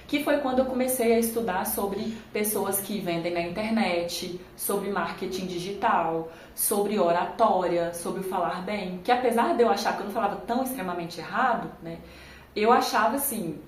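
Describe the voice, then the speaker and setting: Woman chatting to her phone camera, roomy sound, a bit of noise behind her. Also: mid-range voice. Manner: chatty, conversational, addresses viewers directly. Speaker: YouTuber. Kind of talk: casual talk to camera.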